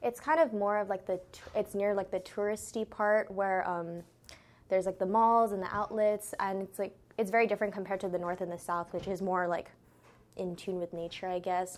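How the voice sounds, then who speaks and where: A young woman from Guam answering interview questions in a relaxed, hedging way, with lots of "like". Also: fairly low pitch, a little hiss or hum.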